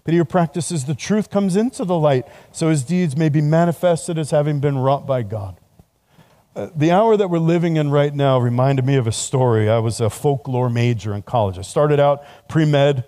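Middle-aged guy preaching to students, loose and chatty, mellow tone a bit on the high side. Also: lively intonation, normal speed. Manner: conversational, self-deprecating, laughs often. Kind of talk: sermon to students.

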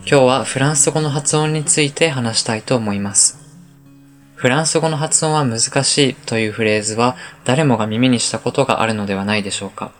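A man who teaches French, giving a calm, explanatory podcast lesson and spelling words out slowly. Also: medium pitch.

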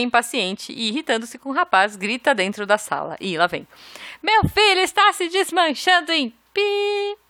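Bright-voiced giggly young woman podcaster. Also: a little high, no room sound. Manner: giggly, chatty, laughs often. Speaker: podcast co-host. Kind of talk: casual podcast chat reading listener comments.

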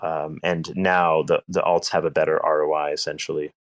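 Deep-voiced man explaining crypto cycles. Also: level tone, normal speed. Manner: explains market cycles with many filler words. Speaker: speaker in a crypto audio chat. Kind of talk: casual chat. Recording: online audio chat room.

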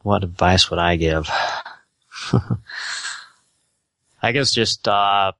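A man with a Utah accent giving casual, halting, tentative answers as an interview guest. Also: sits low, a bit bright, dry recording, low-quality recording.

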